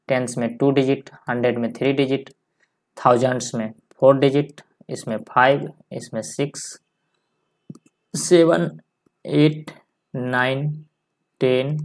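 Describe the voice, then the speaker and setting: A male maths teacher giving a step-by-step lesson, dictating slowly and repeating each number as he writes it. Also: mid-range voice. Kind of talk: step-by-step lesson while writing on a board.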